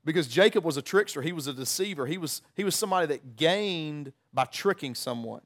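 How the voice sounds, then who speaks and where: Expressive and fairly quick, this man's fairly high, somewhat bright voice carries an earnest, conversational sermon. As he works through a passage, he keeps restarting and repeating words.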